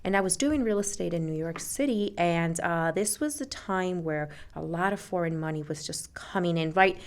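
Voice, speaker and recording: Woman realtor guest, from Colombia; low, gravelly, relaxed conversational delivery. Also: normal speed. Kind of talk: podcast interview.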